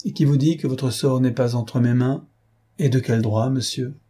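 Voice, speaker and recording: A man reading the part of a stern, suspicious father who speaks curtly and harshly, in a mellow, slightly husky voice. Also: medium pitch, steady tone, moderate pace, lightly acted. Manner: curt, harsh questioning.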